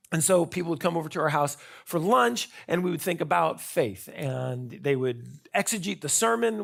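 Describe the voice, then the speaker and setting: A man gives a conference talk. His voice sits a little high and has a gravelly, creaky edge. He speaks conversationally and keeps asking rhetorical questions. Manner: frequent fillers and restarts.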